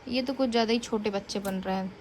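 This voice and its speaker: A young mother vlogs casually at home, coaxing and scolding her small children while chatting with viewers. Her voice is medium-pitched, fast and a little mellow, and the home recording is noisy.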